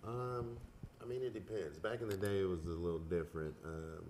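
Deep-voiced man, relaxed and hesitant. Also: brisk, background noise. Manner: relaxed, hesitant with many fillers. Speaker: hip hop artist guest. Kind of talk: casual interview talk.

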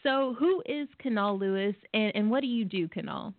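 A woman's voice: mid-range voice, moderate pace, no echo. Female call-in show host, affectionate, phone-line sound, dry. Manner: warm affectionate address, calls listeners loves. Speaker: podcast host. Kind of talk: casual call-in interview.

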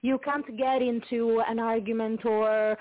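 A woman from Italy with an Italian accent, a singer-songwriter speaking as a guest in a casual interview, talking haltingly with many fillers and restarts. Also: fairly high pitch, flat delivery. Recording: tinny phone-like call audio.

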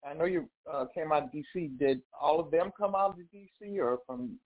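A woman's voice: low-pitched, expressive, brisk. A woman from Los Angeles calling in to a radio show, polite and hesitant, with many fillers. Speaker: caller. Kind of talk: call-in radio question. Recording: tinny phone line.

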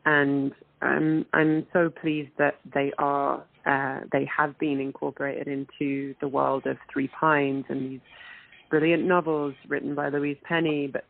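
A woman's voice: sits low, flat delivery, measured pace, creaky. A woman, an actress guest talking earnestly and reflectively in an interview. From England. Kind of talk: interview over a call. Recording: tinny phone-like line.

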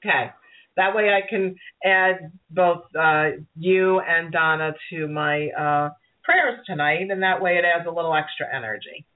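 A middle-aged woman with a Brooklyn accent and a fairly low voice gives spiritual advice as a call-in host. She rambles encouragingly and circles back over phrases. The sound is narrow, like a telephone line. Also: fairly even intonation, measured pace. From Brooklyn, New York. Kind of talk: casual spiritual advice talk.

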